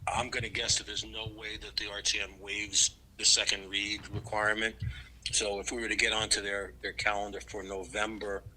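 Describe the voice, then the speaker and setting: A man on speakerphone, joining the meeting remotely to report in a halting way with many fillers. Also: fairly low pitch, flat delivery, bright, forceful tone, slight background noise, low-quality recording. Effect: heard over speakerphone in the room.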